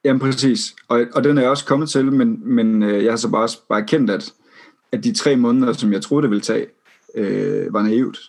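A man's voice: mid-range voice, creaky, a little mellow. A man appearing as a podcast guest, reflective and hesitant, with many fillers. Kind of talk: casual podcast conversation.

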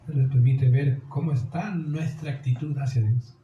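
Echoey, mellow-voiced male pastor preaching. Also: medium pitch, fairly even intonation, moderate pace, highs cut off, slight background noise. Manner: earnest preaching, addressing listeners as "querido". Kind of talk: sermon.

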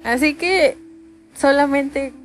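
A woman's voice: high-pitched, slow, faint music behind. A young Mexican woman with a Mexican accent telling a personal story in a casual, chatty way, full of fillers. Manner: chatty, many fillers like pues and ya. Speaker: podcast host.

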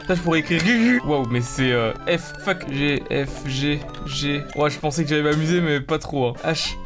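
A YouTuber doing let's-play commentary, casual and sarcastic, swearing and joking while playing. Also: mid-range voice. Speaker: video game YouTuber. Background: game music.

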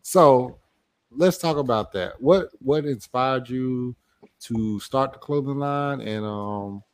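A man's voice: medium pitch, takes it slowly, no echo. A man hosting a casual podcast chat, talking in a loose, joking, slangy way. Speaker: podcast host.

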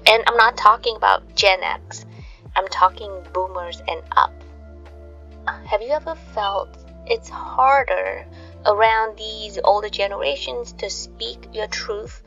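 A woman narrates in the soothing manner of a bedtime sleep story, gently addressing her listeners. Her voice has a creaky, fried edge at a medium pitch. The recording is a little dull, with faint music playing behind her. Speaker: host of a sleep podcast.

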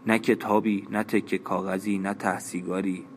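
A man narrating an audiobook in a measured, even reading. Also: lowish voice, a little hiss or hum.

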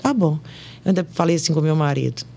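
A woman's voice: sits low, fast talker, gravelly, breathy edge. A woman, an insurance broker telling stories in a podcast interview and acting out the dialogue. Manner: animated storytelling, acting out dialogue.

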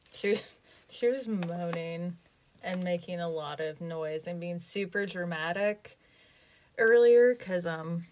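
A young woman vlogging from inside a small closet at home, chatting in a rambling, easygoing way. Her voice sits a little low for a woman. A faint hiss runs under the recording. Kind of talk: casual chat. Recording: light background noise.

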